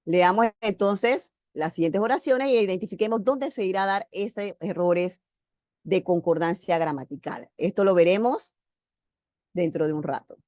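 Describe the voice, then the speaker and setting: A woman's voice: mid-range voice, moderate pace, darkish tone, no room sound. Woman, teacher, online lecture, stresses key words, dry close sound, video call.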